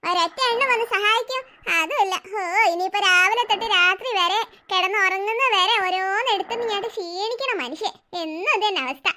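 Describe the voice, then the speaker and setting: A harried mother grumbles about her chores and bosses her husband around, voiced by a cartoon voice actor. The voice is very high and bright, and it moves at a quick clip. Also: a little hiss or hum, full character voice. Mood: grumbling. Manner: complaining, bossy. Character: busy mother, harried and sharp-tongued. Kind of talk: cartoon voice acting.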